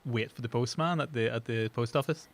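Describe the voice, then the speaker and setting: A man's voice: medium pitch, brisk. A man co-hosting a casual video-call chat, rambling and playful, often restarting his sentences. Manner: rambling, self-interrupting, playful. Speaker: co-host.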